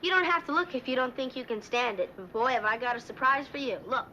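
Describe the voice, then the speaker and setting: A defiant, wisecracking teenage girl in a seventies TV drama. Her voice is high and bright, on a dull, faintly noisy old soundtrack. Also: quick pace, soft background music. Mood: brash, teasing. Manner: blunt, wisecracking. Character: sassy, defiant teenage girl with a tough front. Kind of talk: 1970s TV drama acting.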